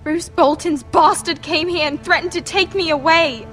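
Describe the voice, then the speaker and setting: A woman's voice: very high voice, moderate pace, fairly bright tone, soft background music. A woman playing a tender, emotional teenage noble girl in grief, in a dramatic fantasy video game. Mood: shocked grief. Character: tender, grieving teenage noble girl, wounded lord's sister.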